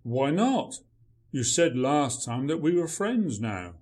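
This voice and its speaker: A man's voice: fairly high pitch, sing-song, slow pace, a little mellow. A man playing a dry, sarcastic writer. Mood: sardonic. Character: grumpy, sarcastic male writer.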